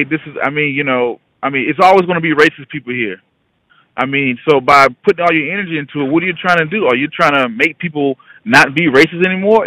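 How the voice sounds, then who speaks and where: A man appears as a guest investing educator on a conference call, talking casually and rambling. His voice is a little high with a sharp tone, and the recording is dry and of poor quality.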